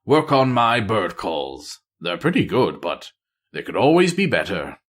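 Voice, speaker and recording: A weary veteran spy master, as a man reads him aloud, speaking in a low, quiet murmur with a dry, wry edge. His voice swings up and down through its range even as it stays hushed. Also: unhurried. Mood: wistful. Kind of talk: audiobook-style character reading.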